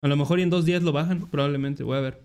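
A young man, hosting a casual podcast and telling animated, slangy stories. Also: fairly high pitch, very fast, clean tone. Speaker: podcast host.

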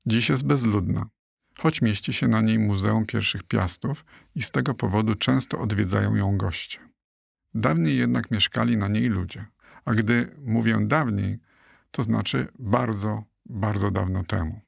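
A man narrating a children's audiobook in a steady, clear storytelling manner, recorded close in a studio. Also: lowish voice, a little slow, no echo.

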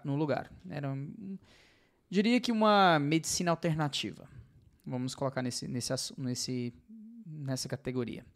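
A man, telling an anecdote in casual conversation in a chatty, emphatic way. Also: a little high. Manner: chatty, builds stories with emphasis.

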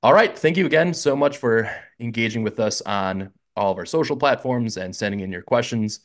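An American man co-hosting a casual football podcast, upbeat and asking his guests questions. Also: on the low side. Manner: upbeat, asks questions and reads the show's segment links. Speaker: podcast co-host.

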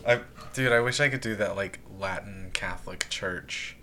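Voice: sits low, moderate pace, noisy background. A young adult talking in slangy, casual chat with friends.

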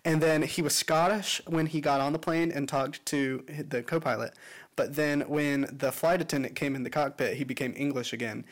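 A man's voice: on the high side, fairly even intonation, normal speed. Young guy cohosting, laid back and chatty, laughs a lot. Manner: easygoing, chatty, laughs often. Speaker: podcast co-host. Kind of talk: casual chat.

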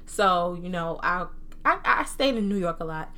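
Her voice on the low side and her pace normal, a young woman from New Jersey hosts a podcast alone in her own room at home. She has a mixed Jersey and Southern American accent and talks in a lively, informal, slangy way.

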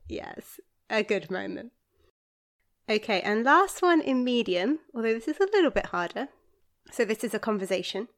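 A woman's voice: fairly high pitch, sing-song, normal speed. A woman chatting casually as she quizzes a friend, laughing often. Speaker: quiz host. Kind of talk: casual chat quiz.

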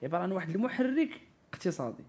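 Very fast-talking man with Moroccan Arabic accent. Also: high voice, very animated, darkish tone. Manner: opinionated, emphatic, often checks the listener follows; mixes French and English words into speech. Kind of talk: casual podcast conversation.

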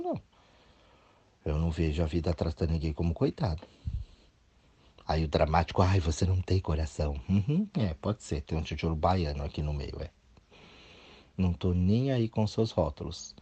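A man's voice: low voice, warm tone, breathy edge. A man, a therapist, giving a blunt motivational talk and mocking whiny voices of others.

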